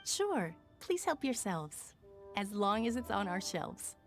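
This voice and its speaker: A woman voicing a polite, gentle young female shop owner in a game cutscene. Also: mid-range voice, very animated, takes it slowly, faint music behind. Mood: gracious.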